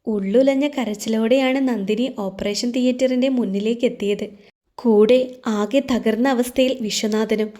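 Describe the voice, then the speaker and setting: A woman storyteller giving a steady, emotive scripted narration of a romance novel. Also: fairly high pitch, moderate pace.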